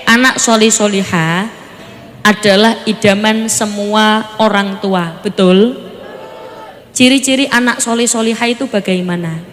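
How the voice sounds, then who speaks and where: A woman preacher, giving a lively sermon and teasing her audience with playful questions. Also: medium pitch, a little hiss or hum. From Surabaya, East Java. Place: religious gathering before a live audience. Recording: reverberant hall with crowd.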